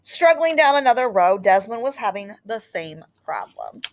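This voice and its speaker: A woman reads a children's picture book out loud at normal speed, her mid-range voice carrying an expressive storytelling quality.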